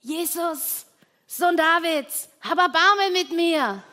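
A woman's voice: very high voice, slow pace, big-room sound, voice pushed up, full character voice. A woman as a blind beggar crying out. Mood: pleading. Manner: shouting, pleading, drawn out.

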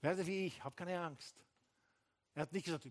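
A male pastor delivers a lively sermon with a somewhat high-pitched voice. He swings between loud, excited emphasis and quieter, intimate moments. He acts out brief exchanges and slips English phrases into his German. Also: moderate pace. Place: church hall.

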